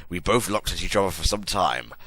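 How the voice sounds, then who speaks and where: Man, low voice, hammy theatrical actor delivery, bright and forceful, comic story reading. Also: expressive, fairly quick, no room sound. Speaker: reader of a fan fiction story.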